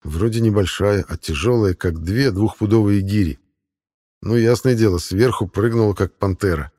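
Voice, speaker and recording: A man narrating a first-person audiobook in a low, mellow, dark voice. His delivery is dry and sardonic, with deadpan asides. The tone stays even and unhurried.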